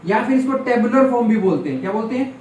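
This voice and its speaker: A man's voice: very high voice, expressive, quick pace, darkish tone. Man teaching in an echoey classroom. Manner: keeps quizzing the class, repeating key terms. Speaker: maths teacher. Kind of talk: classroom lesson with call-and-response questions. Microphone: distant room mic. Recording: echoey room, voice from far off, faint noise.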